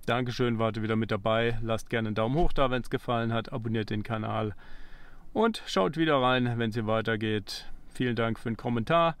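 A man's voice: medium pitch, creaky. A man in his forties, a travel vlogger, talking casually and jokingly to a handheld camera at a forest campsite and in his camper van. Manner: chatty, jokey, talks to his camera and his teddy bears. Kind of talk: casual vlog narration. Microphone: handheld camera at arm's length.

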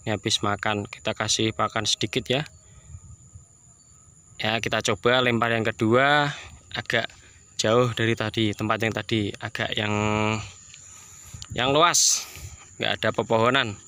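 Slow, bright-voiced man calling. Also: fairly even intonation, clean tone. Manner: chatty, calls out coaxingly to his bird in high bursts. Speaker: bird keeper vlogger. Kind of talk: casual vlog chat. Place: outdoors in a rice field.

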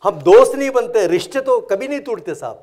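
A man from India giving a motivational workshop talk, telling stories dramatically and swinging between loud and hushed passages. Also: very high-pitched, lively intonation. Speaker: motivational speaker.

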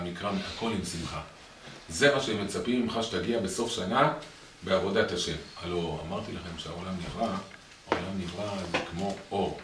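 A man teaching a Torah lesson as rabbi to a small group, animated and repetitive, often tossing questions back to his listeners. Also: low-pitched. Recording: echoey room, far from the mic, noisy.

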